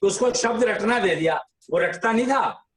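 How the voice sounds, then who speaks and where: A man's voice: high-pitched, normal speed, crowd noise. A man explaining tradition in a casual discussion, insistent and lecturing. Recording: echoey room.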